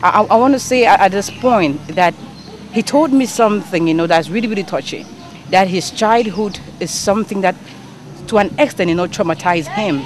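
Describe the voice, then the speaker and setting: A Cameroonian woman hosting an interview, talking in an animated way with lots of "you know". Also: mid-range voice, normal speed. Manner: animated, switching between English and French, many "you know" fillers. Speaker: show host. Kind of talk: interview introduction and conversation. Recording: clear outdoor background noise.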